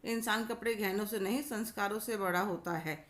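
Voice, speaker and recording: A woman voicing a gracious, affectionate widowed mother-in-law in a storybook tale, speaking gently. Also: medium pitch, steady tone, a little fast, lightly acted.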